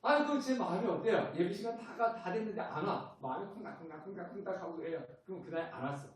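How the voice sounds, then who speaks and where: A man's voice: sits high, fast talker, darkish tone. A middle-aged man preaching a sermon as pastor, telling stories and acting out his church members. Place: church sanctuary. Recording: echoey church hall from far off.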